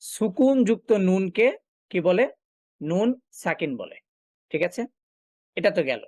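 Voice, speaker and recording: A man teaching a recitation class, explaining step by step and asking and answering his own questions, often pausing with filler sounds. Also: high voice, expressive, a little mellow, dry recording, clean studio sound. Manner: frequent filler sounds while thinking. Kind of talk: online class lecture.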